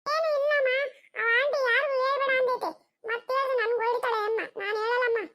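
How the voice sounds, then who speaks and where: A woman voicing a timid little girl in a cartoon, speaking in a high, pleading childish voice. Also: fairly even intonation, fast, fairly bright tone. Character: small girl, timid and secretive.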